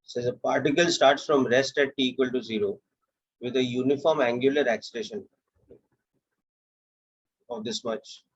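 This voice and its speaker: A young man with an Indian English accent, teaching a physics lesson step by step in a steady, explanatory way. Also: mid-range voice, moderate pace, pauses often, slightly rough, highs cut off. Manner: steady, explanatory, walks through steps aloud. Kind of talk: classroom lecture.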